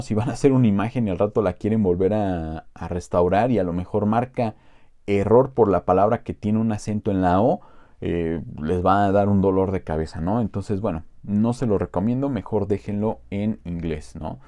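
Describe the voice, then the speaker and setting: Laid-back Mexican man with a dark voice. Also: on the low side. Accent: Mexican Spanish. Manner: informal, rambling, with many fillers and asides. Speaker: tech tutorial host. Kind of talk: casual screen-recorded software tutorial.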